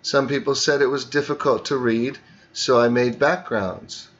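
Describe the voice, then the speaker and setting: A man's voice: medium pitch, fairly even intonation, measured pace, dull audio. A man teaching students, narrating a screen tutorial and talking through each click step by step.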